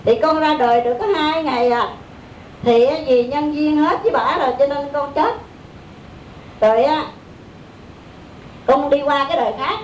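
A woman with a Southern Vietnamese accent preaches a Buddhist story in a loose, conversational way. Her high voice sounds in an echoey room, picked up from a distance with a faint rumble behind. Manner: conversational, with fillers like "đó" and "á". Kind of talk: sermon storytelling.

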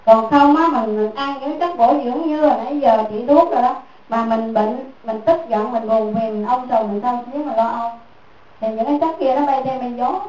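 A woman's voice: fairly high pitch, brisk, warm tone, highs cut off, soft background music. A woman giving a Buddhist dharma talk as a teacher, repeating her points and asking listeners "right?" again and again. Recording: echoey room, mic far off.

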